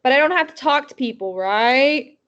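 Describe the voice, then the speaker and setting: A woman reading aloud the lines of a shy, quiet man who speaks flatly and reluctantly. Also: high voice, normal speed. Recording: dull lo-fi audio.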